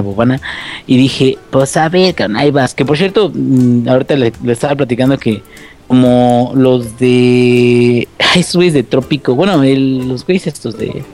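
A man's voice: medium pitch, a little mellow. A man with a Mexican accent telling casual, rambling stories full of slang and swearing. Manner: rambling, slangy, profane, jokey. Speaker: podcast co-host. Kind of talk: casual storytelling chat. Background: background music.

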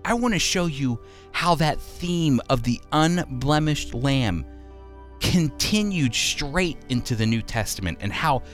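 Hosting a radio Bible program, a man with a mid-range voice teaches and reads scripture, speaking emphatically and deliberately and posing rhetorical questions.

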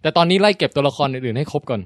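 Animated fast-talking man. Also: on the high side, dry recording, clean studio sound. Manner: animated, laughs often, leads the discussion. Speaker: podcast co-host reviewing a film. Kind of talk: casual chat.

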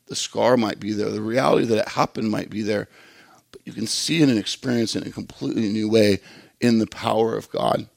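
A man's voice: lowish voice, fairly even intonation, brisk, creaky, no room sound. A man preaching a sermon in an earnest, conversational way, often repeating words as he goes. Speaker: pastor.

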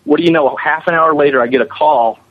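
With a slightly high voice and a quick pace, this man chats enthusiastically and casually about anecdotes from his work as a visual effects animator during an interview. The sound comes through a muffled, band-limited, radio-like line.

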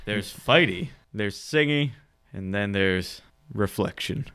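A man acting as game master, narrating a tabletop role-play game in a relaxed, wry way. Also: on the low side, takes it slowly, gravelly, clean tone, dry recording, clean studio sound.

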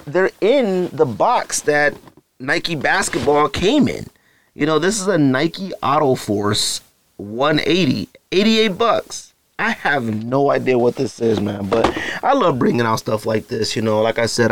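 A middle-aged man hosts a casual solo podcast showing off his sneakers, rambling with lots of ums and you-knows and poking fun at himself. His voice is mid-range, with no echo.

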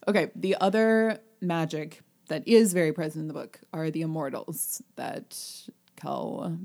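A woman's voice: deep voice, unhurried, gravelly, a little mellow. A woman co-hosting a casual book podcast, chatty and thinking aloud with frequent ums. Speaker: podcast co-host.

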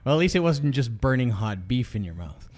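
A man's voice: medium pitch, very animated, brisk, a little mellow. A man co-hosting a casual podcast, laughing easily and filling his talk with "yeah" and "I mean". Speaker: podcast co-host.

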